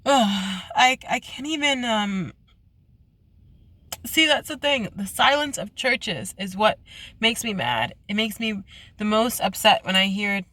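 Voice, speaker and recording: A woman's voice: mid-range voice, animated, pushed and bright, no echo. An earnest young woman records a late-night confessional vlog in her parked car. She halts and restarts often as she speaks. The sound is dry, with little room around her. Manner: earnest, halting, with many restarts. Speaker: vlogger.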